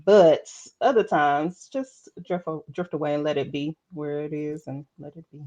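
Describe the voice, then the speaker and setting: A woman's voice: sits low, moderate pace, dark tone, lo-fi sound. A woman co-hosting a live podcast, joking around and reading out viewer comments in a playful manner. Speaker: podcast co-host. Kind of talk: casual chat.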